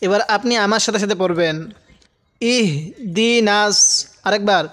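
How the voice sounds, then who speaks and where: Man teaching slow spelled-out recitation. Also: sits high, steady tone. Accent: Bangladeshi Bengali. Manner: slow drawn-out syllable-by-syllable recitation, then quicker plain explanation; addresses viewers directly and pauses for them to repeat. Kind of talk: slow spelled-out Quran lesson.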